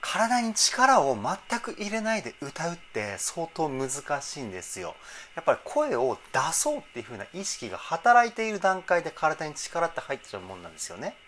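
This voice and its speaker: A male vocal coach talking enthusiastically as he breaks down a song, pausing to try out the parts himself. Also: on the high side, wildly swooping pitch, fairly bright tone, slight background noise. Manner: enthusiastic, explains while trying out sung examples. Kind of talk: reaction and vocal analysis talk.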